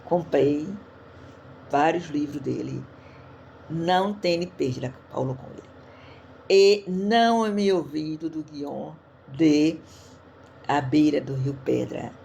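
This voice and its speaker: A woman's voice: deep voice, takes it slowly, gravelly, pauses often, mellow, slight background noise. A woman from Brazil sprinkled words, giving a chatty online church talk and often checking in her listeners. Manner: chatty, tags questions to listeners. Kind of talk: casual sermon talk.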